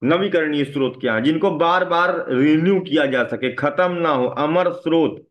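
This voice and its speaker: Through a muffled recording comes a male teacher with a Hindi accent and a fairly high voice, a touch above the typical man's. He lectures while repeatedly asking the class questions and adding a quick "है ना" ("right?") to his sentences.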